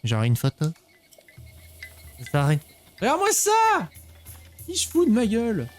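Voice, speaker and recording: Un homme qui commente sa partie de jeu vidéo de façon décontractée, joueuse et pleine d'exclamations. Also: male voice, fairly high pitch, wildly swooping pitch, moderate pace, darkish tone, soft background music. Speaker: video game streamer. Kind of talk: casual gameplay commentary.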